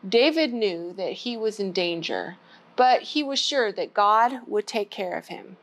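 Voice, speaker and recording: With lively intonation and a measured pace, a woman hosting church storytime reads a storybook to young children in simple words aimed at them. Her voice is medium-pitched, with slight background noise in the recording.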